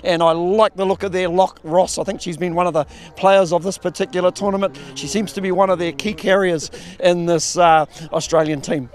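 A man's voice: high-pitched, fairly even intonation, fairly quick, hardly any pauses. A middle-aged man giving direct, opinionated rugby analysis outdoors on the field. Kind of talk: pitchside analysis.

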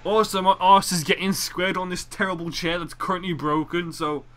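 A man's voice: high voice, fairly even intonation, normal speed, a bit bright, a little hiss or hum. A young man hosting a podcast, brash and teasing, swearing freely in casual chat. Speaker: podcast host.

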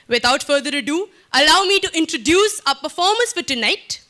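A young woman with an Indian accent speaks in a high, bright voice. She hosts from a small indoor stage with a florid, effusive welcome style, projecting into a handheld microphone. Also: expressive, fairly quick. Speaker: event host. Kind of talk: theatrical emcee welcome speech.

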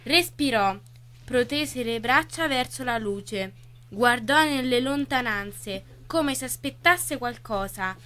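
A woman gently reading a storybook in the first person on a radio poetry program. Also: a little high, expressive, slow.

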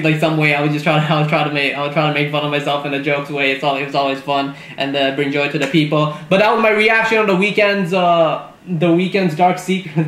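A man's voice: a little high, a bit bright, roomy sound, rough recording. A man hosting a reaction video, rambling casually with restarts and bursts of laughter. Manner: rambling, restarts often, laughs between thoughts.

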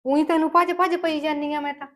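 A woman's voice: sits high, moderate pace, fairly bright tone. A woman with a Malwai Punjabi accent playing a grumbling, scolding village mother-in-law in a comic skit. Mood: remorseful. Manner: scolding, rustic and emphatic.

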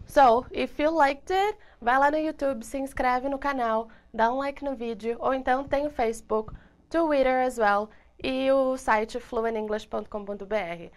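A Brazilian woman with a Brazilian Portuguese accent teaches English in a lively video lesson. Her voice sits a little high. She slows down carefully for the English examples and talks freely in Portuguese around them.

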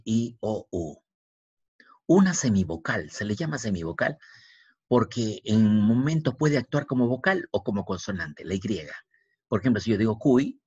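A male teacher giving a language lesson, speaking slowly, spelling out letters one by one and repeating words. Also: on the low side, slightly rough, no echo. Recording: dull, dry, lo-fi recording.

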